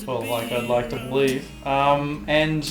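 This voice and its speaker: A Tasmanian man with an Australian accent, a professional vert skater being interviewed, speaks casually and reflectively. His mid-range voice is fairly even in intonation and a little slow. The recording has a roomy echo, with guitar music playing behind him.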